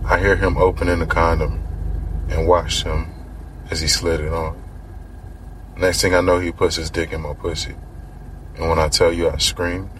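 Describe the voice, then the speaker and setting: A man with an extremely deep, low voice tells a story on his podcast. He talks casually and slangily, as if chatting with friends, and speaks the quoted lines in his own voice. A faint hiss sits under his voice. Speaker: podcast host. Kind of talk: casual first-person storytelling.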